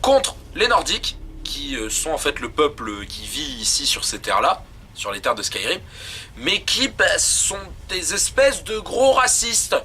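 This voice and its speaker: A man giving chatty let's play commentary, getting excitable as the action picks up. His voice is a touch high and bright. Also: unhurried, slight background noise. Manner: chatty, excitable while playing. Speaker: game video co-host and player.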